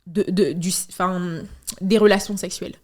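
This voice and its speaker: A young woman speaking as a guest in a casual panel discussion, animated, laughing and apologizing as she talks. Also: lowish voice, normal speed.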